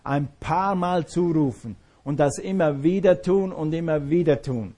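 A man's voice: fairly high pitch, a little slow, dark tone. A male pastor preaching a sermon, emphatic and repeating his key phrases.

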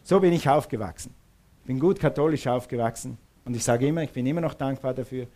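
A man's voice: mid-range voice, fast, mellow. A middle-aged man preaching a sermon, emphatic, repeating questions to his listeners.

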